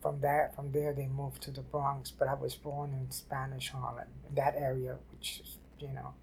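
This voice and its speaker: An older woman from New City, telling her life story haltingly in an oral history interview. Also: rumbling low, level tone, vocal fry, darkish tone, a little hiss or hum. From New York City. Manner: halting, repeats and restarts phrases. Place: library office.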